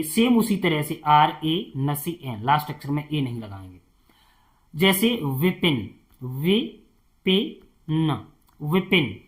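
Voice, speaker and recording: Slow patient tutor. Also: male voice, a little high. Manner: slow, repeats each word, asks and answers his own questions. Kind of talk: spelling lesson for beginners.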